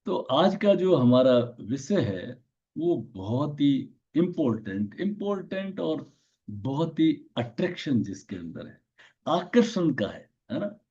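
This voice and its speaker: Slow, lively Hindi yoga teacher. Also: male voice, medium pitch, lo-fi sound. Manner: mixes English terms into Hindi. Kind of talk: spoken yoga lesson.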